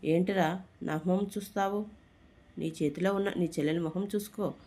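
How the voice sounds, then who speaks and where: A storybook narrator voicing a scheming, mocking older male villain who laughs as he talks, in a dark, mellow voice. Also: mid-range voice, fairly even intonation, normal speed, lightly acted. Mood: sneering. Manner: mocking, laughs while talking.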